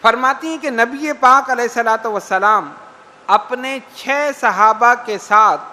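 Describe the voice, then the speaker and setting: A man preaching with a very high, bright voice. He delivers slow, emphatic lines and recites hadith. His voice echoes with a long reverb. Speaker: Islamic preacher. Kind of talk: sermon.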